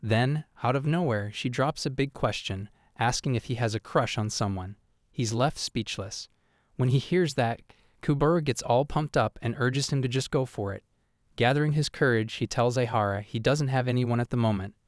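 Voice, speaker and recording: A man narrating a manga recap in an even, steady, scripted third-person retelling. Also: mid-range voice, normal speed, no echo, studio quality.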